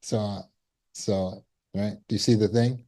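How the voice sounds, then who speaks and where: A man gives a self-help talk as a trauma recovery coach, his voice pitched a little low. The tone is mellow and relaxed. He keeps it conversational and acts out little scenes and quotes as he talks. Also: takes it slowly.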